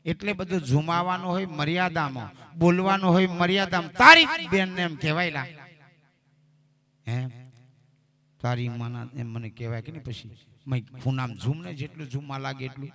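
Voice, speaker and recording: Preaching man with a bright, forceful voice. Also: on the high side. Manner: swings between loud exhortation and soft asides, with rhetorical questions. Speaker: religious preacher at a devotional gathering. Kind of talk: village sermon with stories.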